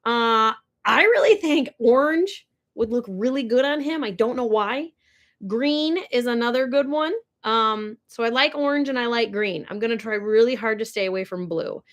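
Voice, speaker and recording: A woman's voice: a little high, expressive, normal speed. A young woman chatting casually on a ranch livestream, gushing and answering viewer comments. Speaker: livestream host. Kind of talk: casual live chat. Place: ranch barn or home.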